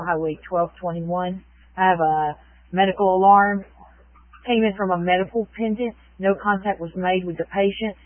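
A man's voice: high-pitched, no echo. A man working as a dispatcher, speaking in clipped, procedural radio calls full of codes and unit numbers over a two-way radio. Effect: two-way radio transmission. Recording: tinny radio band, dry.

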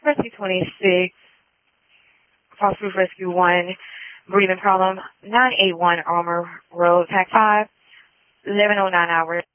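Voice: mid-range voice, steady tone, a little slow, long pauses, clear, resonant tone, no room sound. An emergency dispatcher calling out units, addresses and times in clipped, routine phrasing over a police radio transmission. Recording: tinny dry radio channel.

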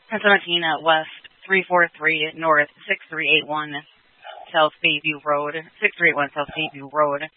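A man's voice: on the high side, level tone, moderate pace, dry recording. A man working as a police dispatcher, reading out calls and addresses in a clipped, matter-of-fact way over police radio. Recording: tinny dry radio channel.

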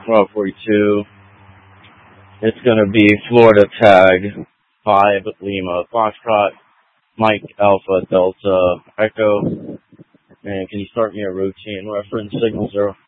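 A man police officer reading plates and codes in a flat, matter-of-fact way over a police radio transmission. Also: lowish voice, unhurried, dry recording. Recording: tinny dry radio channel.

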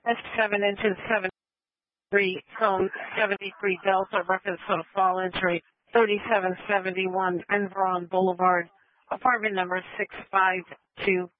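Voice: medium pitch, little pitch movement, moderate pace, no room sound. An emergency dispatcher reading out call codes, addresses and unit numbers in clipped radio talk, heard over a two-way radio. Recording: tinny radio with static.

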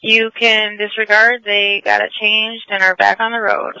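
A man's voice: high-pitched, flat delivery, moderate pace, vocal fry, bright, forceful tone, smooth, dry recording, highs cut off. A man working as a police dispatcher, giving short, matter-of-fact replies over a police radio. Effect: police radio transmission.

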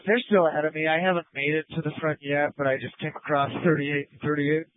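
A man's voice: on the high side, fast, no echo. A man speaking over a walkie talkie from the field, steadily relaying route and traffic details. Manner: steady, explanatory relay of directions. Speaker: field unit at a cycling event. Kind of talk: radio traffic. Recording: tinny, dry two-way radio.

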